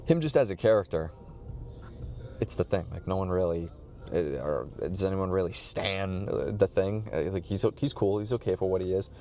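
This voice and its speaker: A man's voice: low voice, moderate pace, warm tone. A man chatting casually in a rambling, slangy, profane way with a laid-back stoner drawl. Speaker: vlogger.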